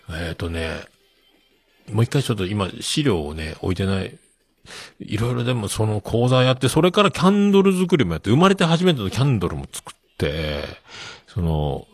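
A middle-aged man hosts a show in a casual solo ramble, using many fillers and chuckling at himself. His voice sits on the low side with a breathy edge, and there's no room sound.

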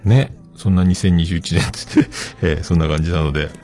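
A man's voice: low voice, fairly even intonation, brisk, darkish tone, faint music behind. A man hosting a show, chatting casually on his own in a rambling, self-joking way. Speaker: host. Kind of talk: casual solo chat.

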